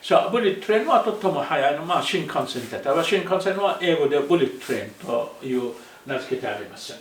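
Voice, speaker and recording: A man, a non-native speaker whose first language is Arabic, teaching a language lesson and slowly repeating phrases with frequent self-corrections. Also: fairly high pitch, animated, a little hiss or hum. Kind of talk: slow, repetitive language lesson, mixing English and Japanese. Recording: echoey room, voice far from the mic.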